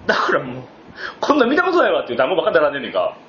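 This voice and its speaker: A man with a Kansai accent co-hosting a casual podcast, telling anecdotes with expressive swings in his voice. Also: on the high side, racing. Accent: Kansai Japanese. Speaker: podcast co-host. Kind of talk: casual chat. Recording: roomy, slightly dull home podcast audio.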